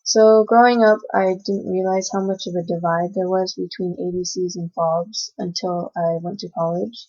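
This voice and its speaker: Her voice on the low side and a little mellow, a young American woman who first learned Cantonese gives a class presentation from notes, hesitating frequently. Her intonation is fairly even, her pace moderate with hardly any pauses. It's a dull lo-fi recording.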